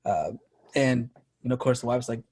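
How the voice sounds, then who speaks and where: Chill podcast host guy, kinda husky, joking around with his guest. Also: mid-range voice, a little fast, darkish tone. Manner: laid-back, jokey, agreeable. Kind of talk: casual interview chat.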